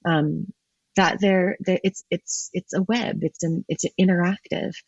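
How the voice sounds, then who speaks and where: Woman scientist thinking aloud, husky voice. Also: fairly low pitch, steady tone, measured pace, dry recording, muffled recording. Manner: thinks aloud with many restarts and ums. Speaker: marine ecologist guest. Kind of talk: thoughtful interview answers.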